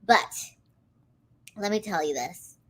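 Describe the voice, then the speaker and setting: Bright-voiced woman with a small, swallowed sound. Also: mid-range voice, slow pace. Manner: animated storytelling, quoting herself and others. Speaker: talk show guest. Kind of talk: casual chat.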